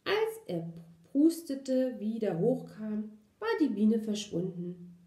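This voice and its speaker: German kindergarten teacher reading to kids, gentle, lively pitch, roomy room sound. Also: female voice, slow pace. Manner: gentle, addresses children with questions. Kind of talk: children's story reading. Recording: roomy echo.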